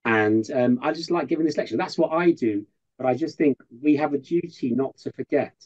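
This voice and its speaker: A man, a professor, talking earnestly in an interview and telling stories with lively quoted asides. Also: mid-range voice, a little fast, muffled recording. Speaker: professor giving a guest interview. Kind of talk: conversational interview storytelling.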